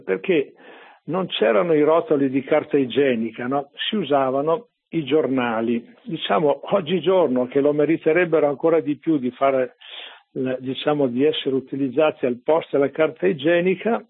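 A man's voice: on the high side, moderate pace, creaky, slightly rough. A man preaching on scripture in a conversational radio talk, often checking with his listeners by asking "no?" or "vero?". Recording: narrow phone-like radio sound.

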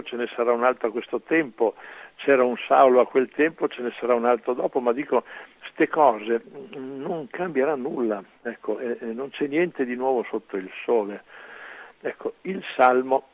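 Gravelly-voiced priest preaching over radio. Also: male voice, medium pitch, normal speed, no echo. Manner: emphatic, rhetorical questions, many fillers. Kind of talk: sermon commentary on scripture. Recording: tinny radio broadcast.

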